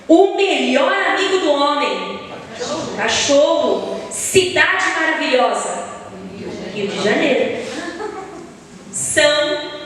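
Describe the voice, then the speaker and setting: A woman leading a Bible study, asking the audience questions and answering them herself, drawing out her examples. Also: high-pitched. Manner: lively, drawn-out emphasis on examples. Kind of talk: church Bible study lesson. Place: church hall. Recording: echoey hall, voice from far off, faint ambience.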